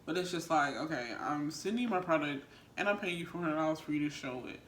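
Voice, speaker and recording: A woman's voice: low voice, expressive, fast talker, fairly bright tone. A woman vlogger chatting casually to her viewers in a rambling, conversational mukbang style. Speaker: vlogger and small business owner. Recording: roomy echo, faint background noise.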